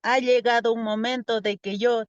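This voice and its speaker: A woman from Peru, giving earnest, halting, emotional personal testimony as an interviewee. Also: fairly high pitch, level tone, dry recording. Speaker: interviewee, former community mayor. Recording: slightly dull, dry lo-fi recording.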